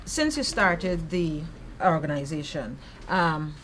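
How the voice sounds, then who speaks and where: A woman with a lowish voice hosts a morning television program, interviewing her guests. She keeps things friendly and brisk and often adds short affirming murmurs. A faint hiss sits under the voice. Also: lively intonation, a bit bright. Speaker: morning TV show host.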